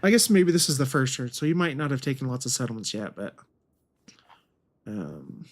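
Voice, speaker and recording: A man's voice: medium pitch, very animated, moderate pace. A man thinks aloud in casual commentary as he plays a strategy game. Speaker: gaming video host.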